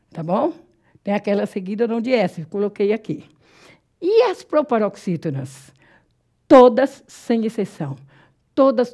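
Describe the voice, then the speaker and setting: A Brazilian woman teaching Portuguese grammar in a classroom lecture, explaining step by step, checking that the class follows, and slowly drawing out example words. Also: medium pitch, warm tone. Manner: drawn-out, slow spelling of example words.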